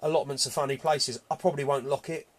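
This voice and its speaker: A man's voice: medium pitch, steady tone, quick pace. A man with an English accent chatting casually as a podcast co-host, blokey and colloquial, often repeating himself. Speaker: podcast co-host on allotment gardening. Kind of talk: casual chat.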